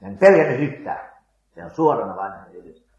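A man's voice: mid-range voice, sing-song, darkish tone, roomy sound, lo-fi sound. An older man, a missionary preacher, telling a dramatic testimony with hesitant fillers. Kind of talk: storytelling testimony.

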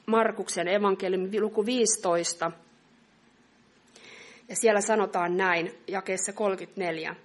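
A middle-aged woman preaching a sermon in an earnest, measured way, reading scripture slowly. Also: medium pitch, fairly even intonation.

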